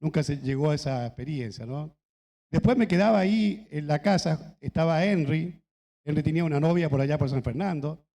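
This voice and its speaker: Middle-aged pastor from Chile, fairly high voice, anecdotal chatty sermon, reverberant church hall. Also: male voice, a little fast, mellow. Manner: conversational storytelling with laughs and asides.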